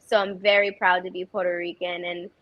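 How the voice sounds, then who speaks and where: A woman's voice: fairly low pitch, little pitch movement, a little fast, muffled recording. A woman actress giving earnest, reflective interview answers with frequent restarts. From United States. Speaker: actress, guest.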